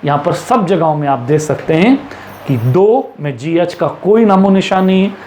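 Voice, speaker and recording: A man teaching English pronunciation in a classroom-style lesson, with an Indian English accent, asking rhetorical questions and drawing out the example words slowly. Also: high voice, lively intonation, darkish tone, a little hiss or hum. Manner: slow drawn-out English examples, brisk Hindi explanations, lots of rhetorical questions.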